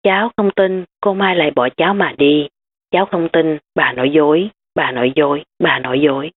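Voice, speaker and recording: A tearful little girl begs and pleads, read by a woman narrator. The voice stays low and close to the reader's own. The sound is thin and phone-like. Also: brisk. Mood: pleading.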